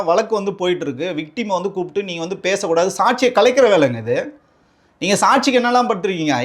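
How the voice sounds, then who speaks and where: High-voiced, rapid, combative man. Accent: Tamil Nadu. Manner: combative, rapid rhetorical questioning. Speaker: political party spokesman. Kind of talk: heated political interview.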